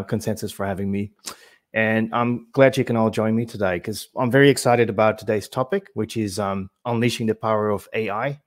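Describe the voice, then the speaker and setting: A man from the Netherlands talks through a webinar presentation at a relaxed conversational pace, often pausing on fillers and correcting himself. His voice sits on the low side and the recording is dry and close, as from a call microphone. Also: no echo. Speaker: webinar speaker. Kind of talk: presentation talk.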